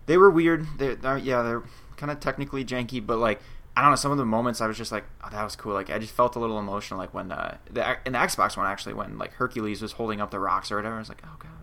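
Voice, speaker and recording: A man's voice: lowish voice, quick pace, gravelly, bright, forceful tone. A man co-hosting a podcast, rambling loosely in casual chat with a lot of "like"s. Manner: rambling, loose, lots of likes. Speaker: podcast co-host.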